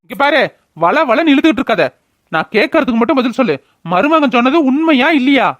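Cartoon brother, stern and questioning family head, quick talker, slightly dull sound. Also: male voice, very high voice, lively intonation, a bit bright, no echo. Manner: firm, questioning. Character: stern but fair middle-aged brother, family head. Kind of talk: cartoon voice acting.

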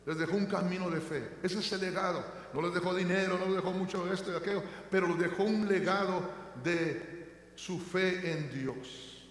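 Older male pastor, high voice, fervent to tender sermon, booming church reverb. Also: steady tone, normal speed. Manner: swings between loud fervent proclaiming and quiet tender storytelling. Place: church sanctuary. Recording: echoey church hall.

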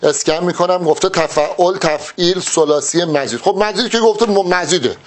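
A man with a fairly high voice tutors students for an exam. He works through the answer options with emphatic, animated delivery and addresses the learners directly. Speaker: exam-prep Arabic teacher. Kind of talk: test-solving lesson.

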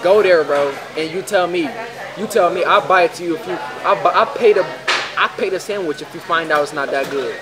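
A man's voice: a little high, a crowd in the background. Chatty man vlogging from his car. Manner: animated, talks fast in bursts. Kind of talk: casual vlog chat. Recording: noisy car vlog.

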